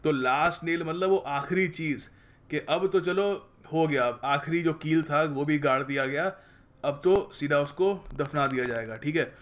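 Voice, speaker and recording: An Indian-accented man teaches English idioms in a relaxed, explanatory way, his voice sitting a little high. He keeps checking in with his listeners, and he slows right down to read out the English example sentences. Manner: conversational, explanatory, checks in with "ठीक है"; reads English example sentences slowly and deliberately.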